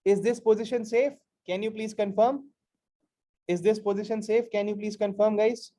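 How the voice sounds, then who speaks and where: High-pitched North Indian man teaching, emphatic. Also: steady tone, normal speed, warm tone. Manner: emphatic, repetitive, quizzing listeners with rhetorical questions. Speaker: programming teacher. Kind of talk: interactive live coding lecture.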